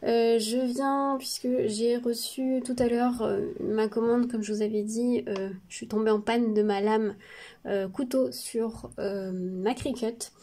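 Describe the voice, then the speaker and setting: A woman chatting casually in her home craft studio vlog, with a cold, talking hesitantly with many fillers and pauses. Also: fairly high pitch, steady tone, dark tone. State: sniffly with a cold. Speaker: craft vlogger.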